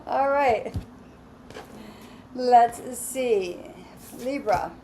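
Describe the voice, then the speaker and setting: A woman reading tarot cards alone, talking in a slow, soothing, reassuring way. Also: a little high, warm tone, slight background noise, rough recording. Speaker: tarot reader. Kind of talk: relaxed solo tarot reading.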